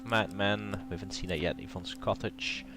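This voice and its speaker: Over music, a let's play host with a low voice talks at normal speed, sounding nasal because he has a cold. His casual commentary is full of hesitant, thinking-out-loud moments.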